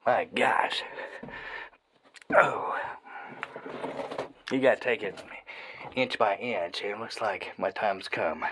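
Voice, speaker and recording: A man talking casually as he explores inside a cave, hosting his own video, with a husky, breathy voice that often drops into hushed asides. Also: on the low side, slow, long pauses, noisy background. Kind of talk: casual vlog narration while exploring. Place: inside a tight limestone cave.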